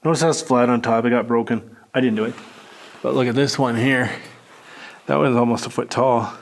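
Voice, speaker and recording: A man's voice: medium pitch, steady tone, brisk, vocal fry. A man narrating a casual exploration vlog inside a cave, rambling with dry humor, his voice echoing off the rock. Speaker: cave explorer filming himself.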